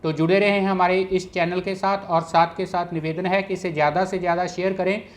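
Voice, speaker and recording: A language teacher giving a patient, step-by-step script lesson, repeating each letter and word slowly and ending with an earnest appeal to viewers. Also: mid-range voice. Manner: closes with an earnest channel appeal.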